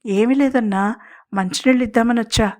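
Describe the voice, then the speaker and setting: A timid young henchman speaks in a Godavari district dialect, hushed and pleading, as a woman storyteller puts him on. He is naive and soft-hearted in an audio storybook. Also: on the high side, normal speed, lightly acted. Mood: hushed, worried.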